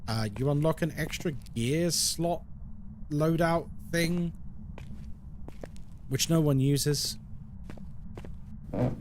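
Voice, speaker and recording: Speaking slowly with long pauses, a fairly high-pitched man over 20 from London plays a game on a live stream, with slight background noise. In a chatty London English manner, he explains the game and answers his viewers' chat.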